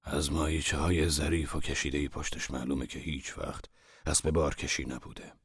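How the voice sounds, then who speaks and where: An actor playing an irritable old master painter who scolds and lectures in a gruff voice. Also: male voice, rumbling low, fairly even intonation, no room sound, studio quality, exaggerated voice. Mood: lecturing. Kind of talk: audio drama acting.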